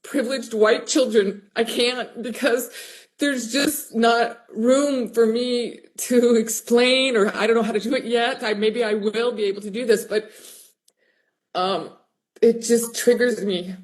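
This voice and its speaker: A woman's voice: on the high side, steady tone, measured pace. Rambling emotional woman on a video call. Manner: rambling, breathless, raw and heartfelt. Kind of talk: emotional casual chat.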